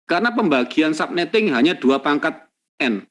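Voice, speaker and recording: A man's voice: a little high, lively intonation, moderate pace, fairly bright tone. A man giving a university lecture, emphatic and repetitive, with many rhetorical tag questions. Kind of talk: classroom lecture.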